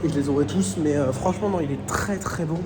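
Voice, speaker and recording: A man's voice: a little high, quick pace, noisy background. A man chatting enthusiastically as he vlogs his walk around a theme park, filming himself on a phone. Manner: chatty and enthusiastic, often restarts phrases. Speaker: vlogger. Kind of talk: casual vlog chat. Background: music.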